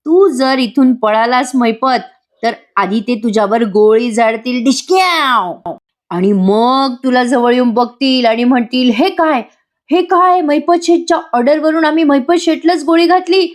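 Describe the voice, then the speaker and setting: A woman's voice: sits high, measured pace, pitched above the performer's own voice. A woman reading the lines of a scheming male crook in a serial recap, taunting him in a mocking voice. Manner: taunting, mock-worried voice.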